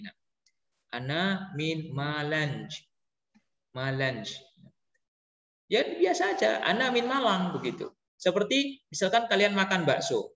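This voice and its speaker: A man's voice: on the high side, lo-fi sound. Chatty male teacher in an echoey hall. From East Java. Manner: relaxed, chatty, asks pupils questions and repeats phrases slowly. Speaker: Arabic teacher. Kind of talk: classroom lesson explaining Arabic. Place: classroom.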